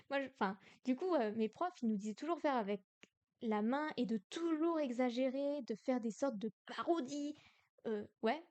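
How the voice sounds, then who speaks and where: This French streamer's voice is on the high side with a darkish tone. A young woman learning Chinese, she repeats syllables out loud and exaggerates the tones during a relaxed livestream study session.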